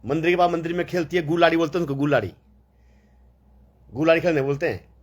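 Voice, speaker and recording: A man's voice: a little high, steady tone, very fast. A man telling a long, rambling story in a casual, chatty way, full of fillers and quoted dialogue.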